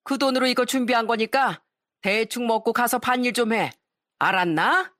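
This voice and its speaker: A woman's voice: a little high, moderate pace, fairly bright tone, dry recording, studio quality, voice pushed up, lightly acted. A woman voicing a bossy older mother-in-law who scolds and belittles her son-in-law in a raised, commanding tone. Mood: scornful bossy.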